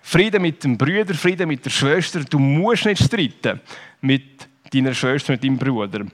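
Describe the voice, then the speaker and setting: A man giving a children's sermon. He tells stories lively and keeps asking his listeners questions. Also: medium pitch, normal speed. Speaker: preacher.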